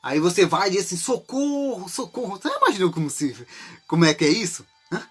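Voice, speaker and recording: This Brazilian preacher sounds animated and husky, his male voice on the high side and fast, with faint music behind him. Speaking with a Brazilian Portuguese accent, he delivers an informal sermon on a psalm conversationally, full of rhetorical and tag questions, and acts out desperate cries for help.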